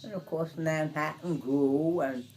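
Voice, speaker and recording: An elderly woman in her nineties from Brooklyn, reminiscing in a casual interview, haltingly, searching for words and repeating phrases. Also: deep voice, fairly even intonation, a little mellow, soft background music. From Brooklyn, New York. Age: 90s. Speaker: interviewee recalling the past.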